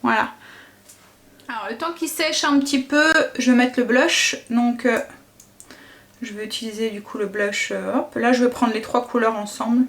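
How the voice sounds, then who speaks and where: A woman with a fairly high, somewhat bright voice speaks at a moderate pace. She's a vlogger and mother chatting through a casual makeup tutorial, describing each step with small interjections and frequently correcting herself mid-sentence, trailing off and restarting.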